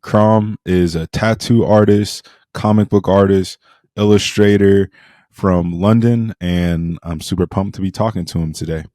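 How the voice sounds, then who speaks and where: Low-voiced man hosting a podcast. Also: fairly even intonation, unhurried, warm tone, no room sound, studio quality. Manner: slangy, enthusiastic. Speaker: podcast host, interviewer. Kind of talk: casual interview chat.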